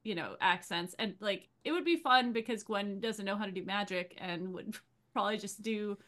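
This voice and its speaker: A woman's voice: mid-range voice, moderate pace, a bit bright. A woman panelist chatting casually, rambling with lots of fillers. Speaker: panelist on a role-play show.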